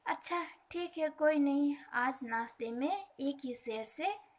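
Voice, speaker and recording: A woman's voice: sits high, slow, voice pushed up. A woman playing a fierce, scolding village wife. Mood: fierce shouting. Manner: loud scolding, shouting.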